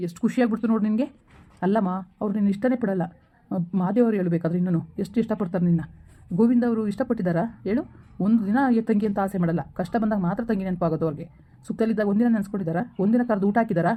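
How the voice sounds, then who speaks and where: A woman's voice: mid-range voice, rapid-fire, dark tone, close to an everyday voice. A woman playing a village husband in a rural skit who coaxes and reassures his wife. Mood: coaxing. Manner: coaxing, reassuring. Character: village husband, dismissive then soothing.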